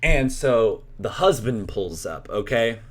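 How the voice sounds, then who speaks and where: A man's voice: mid-range voice, big pitch swings, slow. Young man, casual storytelling, rambling, lots of fillers and restarts. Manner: rambling, heavy use of "like" and restarts.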